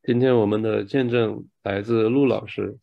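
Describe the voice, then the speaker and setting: A man's voice: fairly low pitch, steady tone, normal speed, gravelly, muffled recording. A man working as a live interpreter, rendering a speaker's words phrase by phrase right after each one. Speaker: live interpreter and session moderator.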